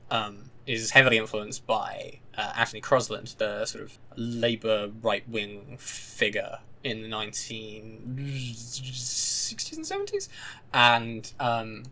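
A man's voice: fairly low pitch, lively intonation, sharp tone. Opinionated man with modern British RP accent. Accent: modern British Received Pronunciation, southern English. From southern England. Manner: opinionated, halting and repetitive, with frequent tag questions. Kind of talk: casual political discussion.

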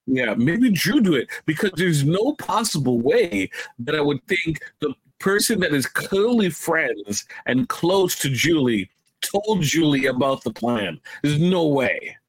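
Podcast co-host, male, joking delivery, lively pitch, dry close sound. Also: measured pace, slightly rough, no echo, poor audio. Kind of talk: casual recap chat.

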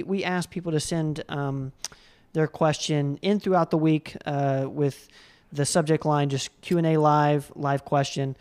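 A host reading out viewer questions in a live Q&A, relaxed and friendly with frequent fillers. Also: mid-range voice.

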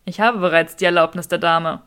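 Smug, teasing wizard charmer in a storybook reading, a woman doing the voice; drawled, a touch low. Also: steady tone, a little fast, fairly bright tone, clean tone, lightly acted. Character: smug flirtatious wizard man, teasing rival.

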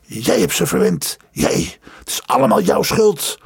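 Guy putting on a screechy old dad losing it, way high, yelling, kinda gravelly. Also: wildly swooping pitch, measured pace, full character voice. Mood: raging. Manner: shrieking, furious ranting. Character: raging miserly old father, tyrant.

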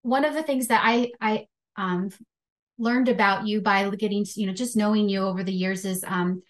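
Friendly, halting woman podcast host. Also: medium pitch, steady tone. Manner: friendly, halting questions full of fillers. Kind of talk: podcast interview hosting.

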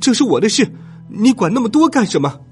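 A man voicing a young schoolboy who shouts and protests, in a storybook reading. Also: on the high side, huge pitch swings, moderate pace, breathy edge, soft background music, full character voice. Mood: protesting. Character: worried young schoolboy in trouble.

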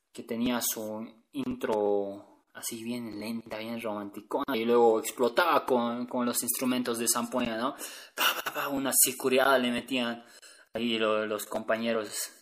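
Male host, casual and chatty, halting delivery, mid-pitched voice, recorded a step away from the mic. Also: recorded from a distance, rough recording. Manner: chatty, hesitant, often adds a questioning "no?". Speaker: music channel host. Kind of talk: casual talk to viewers.

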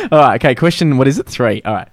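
A man's voice: mid-range voice, huge pitch swings, brisk, over loud music. A young man hosting a casual podcast quiz, chatty and laughing often. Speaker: podcast host reading quiz questions. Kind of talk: casual chat.

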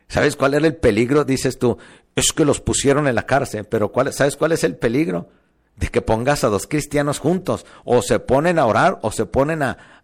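Emphatic man preaching, lower-pitched voice. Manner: emphatic, conversational, asks the congregation rhetorical questions. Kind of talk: sermon.

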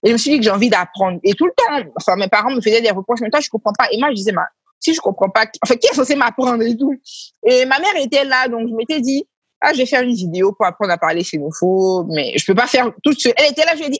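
As an interview guest, a woman talks about reading workshops in conversational answers, hesitating and repeating words while she searches for them. Her voice is a little high, slightly rough, lively, and quick, with no echo, and she has Senoufo heritage but speaks it only at a basic level.

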